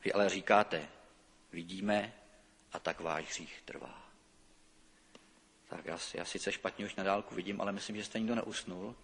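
A man's voice: deep voice, slight background noise. A middle-aged man preaching a sermon, reading scripture expressively and then talking freely with hesitations. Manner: lively expressive reading, halting with fillers when speaking freely. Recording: long reverb of a church hall.

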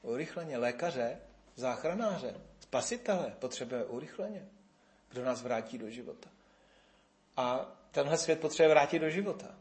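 A man, preaching a sermon and acting out the voices of the people he quotes. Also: mid-range voice. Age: 50s. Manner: animated, rises and falls in loudness, acts out quoted voices.

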